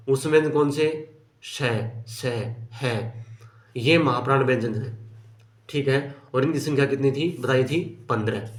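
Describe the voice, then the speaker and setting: Slow, deliberate male grammar teacher. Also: medium pitch, reverberant. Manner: slow, repeats terms, asks and answers own questions. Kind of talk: explaining grammar lesson.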